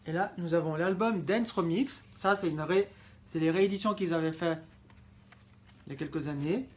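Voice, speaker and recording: A man with a slightly high voice walks through his record collection in a relaxed home-video manner. He talks with eager affection, repeating words and stopping to correct himself. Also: moderate pace, slight background noise. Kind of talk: casual show-and-tell vlog.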